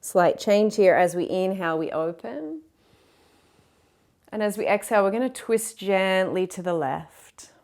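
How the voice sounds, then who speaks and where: A woman yoga teacher leading a guided class, cueing breath and movement in a gentle, encouraging, unhurried way. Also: mid-range voice, animated.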